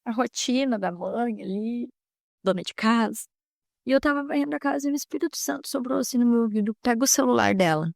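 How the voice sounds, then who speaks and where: A middle-aged mother earnestly tells a personal faith story on a podcast, slipping into the lines of her family as she goes. Her voice sits a little high for a woman. The recording is dry and close, with no room echo. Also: fairly even intonation, fairly quick, vocal fry, a little mellow. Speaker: mother and housewife sharing a testimony.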